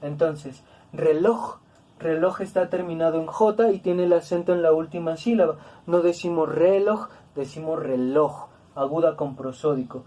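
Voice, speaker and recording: A woman teaching a grammar lesson, speaking slowly and deliberately, repeating words to stress each syllable. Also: deep voice, mellow. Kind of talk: classroom-style grammar lesson.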